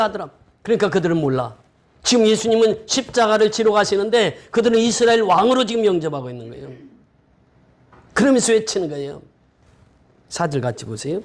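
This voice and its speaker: High-voiced male pastor preaching loudly. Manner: colloquial preaching, shifts between loud exclamations and quiet asides; drops to a low, soft voice to close phrases. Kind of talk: sermon.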